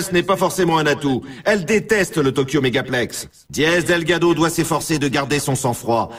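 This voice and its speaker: Here the same kind of hyped snowboard announcer from a video game swoops through scripted race commentary, drawing out words for showy drama. His rough, husky voice is a little high, exaggerated, and set slightly back from the microphone.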